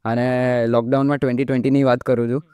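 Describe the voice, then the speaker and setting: Young guy from india chatting on a podcast, clear smooth voice, dry close sound, keeps saying like. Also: medium pitch, racing, no echo. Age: young adult, early 20s. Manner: relaxed explaining, often drops in English fillers like "like". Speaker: podcast guest, mimicry artist. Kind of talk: casual interview talk.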